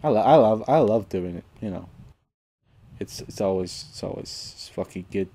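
A young man giving casual let's-play commentary on his game, sarcastic and swearing, with sudden loud outbursts at the game. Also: lowish voice, lively intonation, moderate pace, gravelly, husky. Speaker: gameplay commentator.

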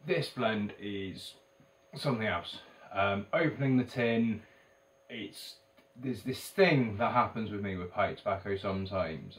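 Low-voiced English man, recorded at a distance. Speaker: tobacco shop video reviewer. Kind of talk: casual product review to camera. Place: indoors, in a shop corner by a banner. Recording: distant mic with faint background noise.

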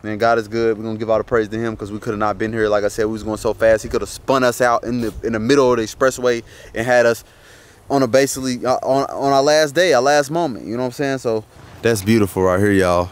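A young man talking fast and straight to his viewers in a casual vlog, outdoors by a car. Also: mid-range voice, steady tone, smooth. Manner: fast, talks straight to viewers, calls them y'all. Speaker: vlogger.

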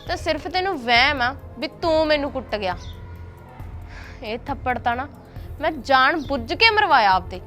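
Woman doing a fed-up wife, sharp tongue, really high bright voice, music under it. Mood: scheming, taunting. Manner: sharp-tongued, scolding, taunting. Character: defiant young wife, housemaid, fed up with her husband. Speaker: actor in a short film.

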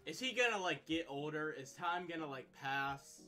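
Let's play streamer, joking commentary, lively swinging voice, faint game music. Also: medium pitch, moderate pace. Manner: animated, joking, swearing, reactive. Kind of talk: gameplay commentary.

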